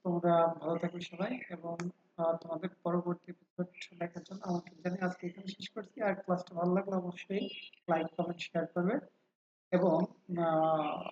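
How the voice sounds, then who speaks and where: A man teaching English pronunciation in a classroom-style lecture. He patiently repeats example words many times and pauses often with hesitant fillers. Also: high voice, flat delivery, a little mellow. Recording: roomy, dull lo-fi sound.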